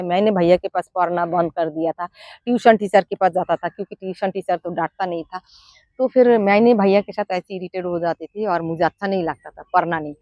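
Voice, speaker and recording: A woman's voice: medium pitch, no room sound, muffled recording. Frank middle-aged mother, dry close voice. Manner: frank and down-to-earth, with many "uh" pauses. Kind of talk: casual advice vlog to parents.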